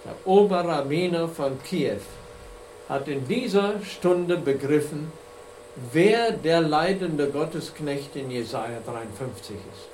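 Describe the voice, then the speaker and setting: Preacher guy, slow earnest sermon w slides, roomy echo, bit of hum. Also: on the high side, lively intonation, a little mellow. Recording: echoey room with faint hum.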